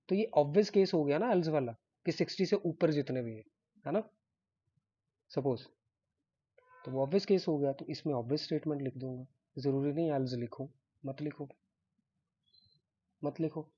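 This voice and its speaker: A man teaches a coding class in a loose, chatty way, repeating points and checking in with students. His voice is mellow and slightly husky and sits a little high. The recording sounds dull and lo-fi. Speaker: programming teacher. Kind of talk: live coding lecture.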